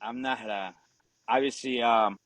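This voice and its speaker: A man in his forties, originally from Ecuador and a Spanish speaker first, chats with a podcast host in a loose, friendly way, full of fillers and the odd curse. His voice sits at an ordinary middle pitch. The sound is dry and close. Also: steady tone, unhurried, fairly bright tone, no room sound, poor audio. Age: 40s. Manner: easygoing, swears, leans on fillers. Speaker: podcast guest, Marine veteran. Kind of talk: casual chat.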